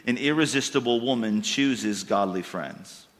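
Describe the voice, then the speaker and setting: A man preaching a sermon to a congregation, folksy and emphatic, building to louder bursts. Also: mid-range voice, a little slow, big-room sound. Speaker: pastor. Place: church hall with congregation.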